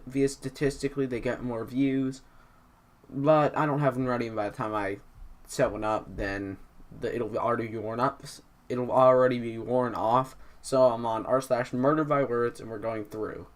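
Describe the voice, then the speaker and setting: A man's voice: mid-range voice, normal speed. A young man hosting a casual video, reading posts aloud and commenting in a self-deprecating way, stumbling and slurring because his mouth is numb from the dentist. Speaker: host of a Reddit reading video.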